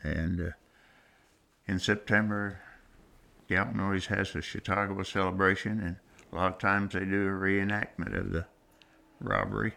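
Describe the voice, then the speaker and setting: A man's voice: low-pitched, flat delivery, normal speed, gravelly, pauses often, pushed and bright. A man giving casual, conversational answers about local history as an interviewee.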